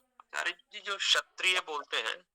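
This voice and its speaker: A male student asks his teacher a question over a video call. His voice is slightly high and very sharp and tense. He speaks respectfully and a little hesitantly. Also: moderate pace, poor audio.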